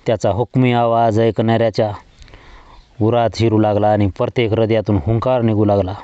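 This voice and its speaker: Low-voiced male audiobook narrator. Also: flat delivery, warm tone, clean tone, dry recording. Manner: measured, literary reading. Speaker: storyteller. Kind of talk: audiobook reading of a novel. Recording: dull lo-fi dry recording.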